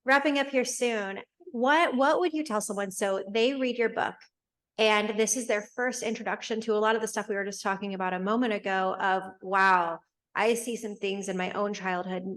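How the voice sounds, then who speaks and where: A woman hosting an interview, affirming her guest and asking quick questions. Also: fairly high pitch, a bit bright. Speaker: podcast host. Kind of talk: interview conversation.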